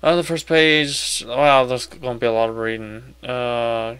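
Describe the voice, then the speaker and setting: Male gamer, unhurried and crisp, casually reading game text and reacting in a dry-sounding space. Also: mid-range voice, little pitch movement, fairly bright tone. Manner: self-talking, casually reacting. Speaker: gamer playing on commentary. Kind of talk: casual game commentary with on-screen text read aloud.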